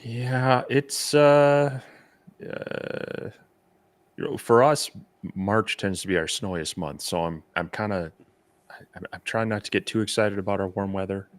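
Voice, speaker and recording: A man co-hosting a live stream, chatting casually and explaining things in a measured way. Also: lowish voice. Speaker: co-host.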